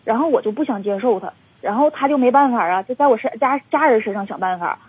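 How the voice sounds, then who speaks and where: Upset Northeastern Mandarin woman caller, 20s, husky, fast, rambling, on the phone. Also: fairly high pitch, expressive, dry recording. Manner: rambling, many fillers, upset. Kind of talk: phone-in confession. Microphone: telephone. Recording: tinny dry phone line.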